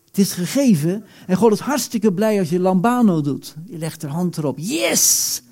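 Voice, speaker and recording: A man preaching a sermon, animated, acting out quoted prayers with sudden loud outbursts. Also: high-pitched, normal speed.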